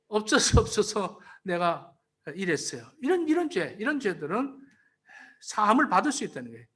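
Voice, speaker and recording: A male pastor preaches with a high-pitched voice for a man that swings widely up and down. He drives each point home by restating it again and again, now and then calling out to the congregation. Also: fairly bright tone. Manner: emphatic, repeats key phrases to explain them; calls out to the congregation. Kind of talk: sermon.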